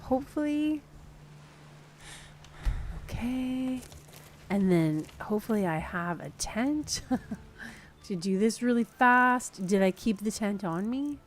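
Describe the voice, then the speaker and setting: A woman's voice: on the high side, expressive, slow pace, long pauses. A woman streamer casually chatting through a game, laughing and thinking aloud to her viewers. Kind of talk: casual gameplay commentary to chat.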